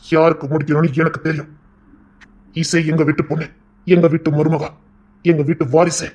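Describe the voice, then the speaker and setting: A man's voice: a little high, level tone, normal speed, darkish tone, a little hiss or hum, lightly acted. A man voicing a domineering young man from a gangster family who insists on marrying a girl. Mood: commanding. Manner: commanding, insistent. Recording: dull lo-fi audio.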